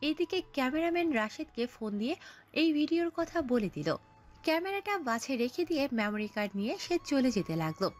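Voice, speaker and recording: A woman narrating a scripted audio story, telling it in an expressive storytelling manner. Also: sits high, a little fast.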